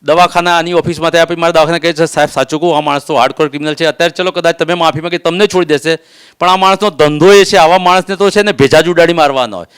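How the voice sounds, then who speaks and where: A man recounts his complaint in a rush of words, pressing every point as he swears he is telling the truth. His voice is clean and crisp, sitting a little high. He speaks quickly and never lets up. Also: fairly even intonation, fairly bright tone. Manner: insistent, swears oaths, reenacts threats. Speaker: complainant doctor. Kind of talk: emotional testimony.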